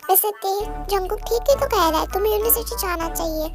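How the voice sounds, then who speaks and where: Doting mother, soothing, coaxing, very high voice, loud music behind, voiced by a woman. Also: quick pace. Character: gentle, doting middle-aged mother.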